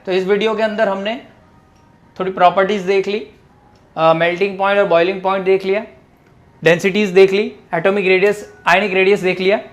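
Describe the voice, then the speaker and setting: A man with a notably high-pitched voice teaches a chemistry class. He works through each point step by step, mixing technical into his speech and pausing often to ask whether the students understand. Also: little pitch movement. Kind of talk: classroom lecture.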